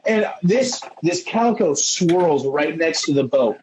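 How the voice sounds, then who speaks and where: A man chatting casually about fishing, telling stories in an excitable way and acting out what others said. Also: fairly high pitch, unhurried, noisy background. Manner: excitable, acts out quotes in a raised voice. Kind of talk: casual chat, animated storytelling.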